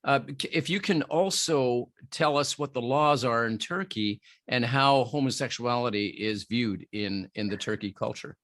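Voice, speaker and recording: Male podcast host, earnest, friendly, mid pitch, dry recording. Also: moderate pace, hardly any pauses, a bit bright, dry recording. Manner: friendly, earnest, with many restarts. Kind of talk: interview hosting.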